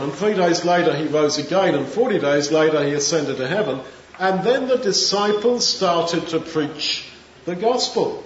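Preacher man, high and echoey. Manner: conversational, acts out crowd voices. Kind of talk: sermon. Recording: echoey room, dull sound, faint noise.

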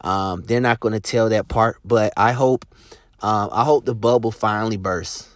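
A man's voice: fairly low pitch, moderate pace, no echo, studio quality. A man hosting a podcast about sports agents, ranting passionately with emphatic repetition and frequent restarts. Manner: passionate, emphatic, repeats words and restarts often. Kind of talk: podcast rant.

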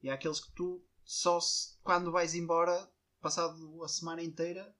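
A man's voice: fairly high pitch, flat delivery, normal speed, sharp tone. A man with a northern Portuguese accent chatting casually with a friend, slangy and foul-mouthed. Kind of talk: casual banter between friends.

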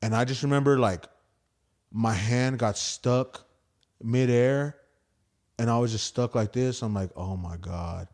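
A man's voice: medium pitch, unhurried, pauses often. A young man with frat-bro swagger telling stories in casual podcast chat, slangy and profane, acting out dialogue as he goes. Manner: animated storyteller acting out quoted dialogue.

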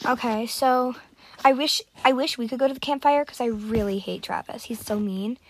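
A woman chatting through a video game with excitable, dramatic outbursts. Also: fairly high pitch, moderate pace. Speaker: gamer. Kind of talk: casual gameplay commentary.

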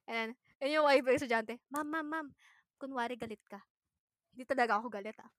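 A woman with a high, bright voice tells classroom stories in a casual podcast chat. She talks in animated bursts, laughs often and switches between Tagalog and English. The recording is dry and close. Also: fast, no room sound. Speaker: teacher.

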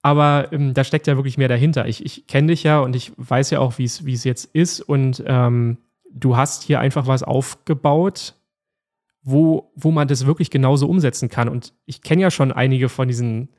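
A man's voice: mid-range voice, steady tone, normal speed, a little mellow. An enthusiastic man hosts a casual podcast. He praises his guest at length and often turns to speak to the listeners. His voice sits in the middle range. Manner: enthusiastic, effusive, talks to listeners. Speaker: podcast host.

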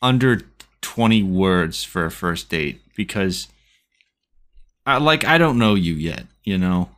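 A man's voice: low-pitched, animated, takes it slowly, fairly bright tone. A young man co-hosting a casual podcast chat, rambling with hesitant restarts. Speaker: podcast co-host.

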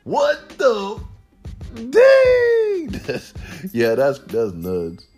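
A man's voice: medium pitch, expressive, normal speed, darkish tone, soft background music. Young man rambling through a funny story. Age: young adult. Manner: rambling, repeats himself, slangy, bursts of laughter. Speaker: podcast host. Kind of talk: casual storytelling monologue.

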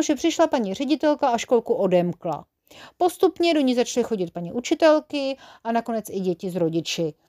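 A woman's voice: a little high, warm tone. Woman reading a children's story.

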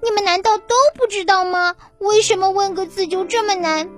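A woman's voice: extremely high pitch, normal speed, music in the background, voice pushed up. A woman reading a children's story aloud, voicing an impatient little girl who gets whiny and indignant. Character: cross, impatient little girl in first grade.

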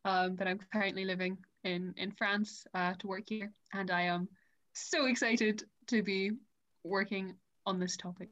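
A woman's voice: mid-range voice, fairly even intonation, unhurried, fairly bright tone. Eighteen-year-old Scottish woman, lo-fi sound. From Scotland. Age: teens. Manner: articulate, frequent ums. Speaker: committee chair. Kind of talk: casual interview answers.

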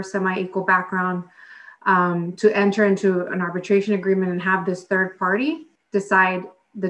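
A woman answers as an interviewed expert, explaining step by step and restating as she goes. Her voice has a middle pitch and sits a little way from the microphone. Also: fairly bright tone, recorded from a distance, rough recording. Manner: explains step by step with rephrasing and repetition. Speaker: interviewed expert, legislative advocate.

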